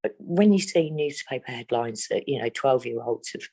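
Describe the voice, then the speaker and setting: A woman's voice: very deep voice, expressive, vocal fry, dark tone, husky. A middle-aged woman from England, speaking bluntly and steadily as an interviewee. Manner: blunt, plain-spoken, measured. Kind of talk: candid interview.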